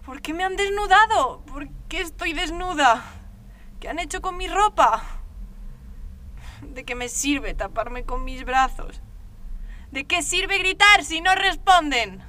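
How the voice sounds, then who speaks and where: A woman's voice: high-pitched, expressive, takes it slowly, sharp tone, a little hiss or hum, exaggerated voice. A woman reading an audiobook, voicing a frightened young girl locked alone in a cell, pleading and repeating herself, short of breath and close to tears. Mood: panicked. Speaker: audiobook reader.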